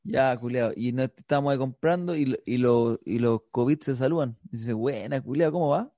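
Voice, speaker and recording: A man's voice: mid-range voice, moderate pace, warm tone, no echo, clean studio sound. A Chilean man firing off profane, mocking comebacks in crude comic banter with a co-host.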